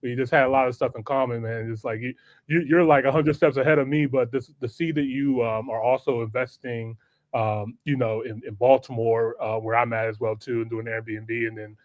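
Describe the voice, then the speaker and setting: A man's voice: mid-range voice, fairly even intonation, brisk, no room sound. A man hosting a live online talk show, chatting loosely with slang and frequent laughs. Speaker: podcast host. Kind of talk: casual live-stream chat.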